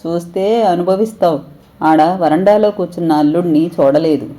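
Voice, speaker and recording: A woman's voice: lowish voice, moderate pace, dark tone, close to an everyday voice. A woman voicing a domineering, suspicious older mother-in-law who scolds and threatens harshly. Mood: scolding.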